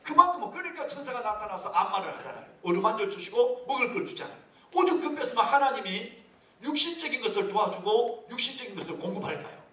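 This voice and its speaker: High, lively Korean pastor preaching. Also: male voice, fast. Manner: lively, humorous, rhetorical questions. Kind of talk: sermon at a leaders' retreat. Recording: echoey hall from far off.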